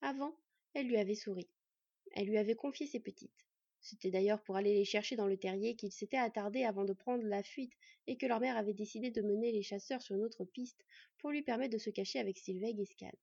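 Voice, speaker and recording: A woman reading a story aloud as narrator in an even, measured way. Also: mid-range voice, vocal fry, slightly rough, no echo, muffled recording. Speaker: audiobook narrator.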